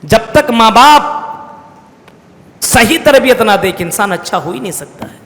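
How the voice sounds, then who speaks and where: A man preaching a Quran commentary in a mosque, reciting Arabic verses slowly, then explaining them and addressing his listeners as brothers. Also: extremely high pitch, animated, a bit bright, big-room sound, slight background noise. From India. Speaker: Islamic preacher. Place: mosque hall.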